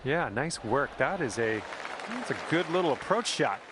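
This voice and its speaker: A man's voice: on the high side, sing-song, normal speed. A man giving golf commentary, speaking to the player in short, encouraging observations. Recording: crowd and ambient noise behind. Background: crowd ambience.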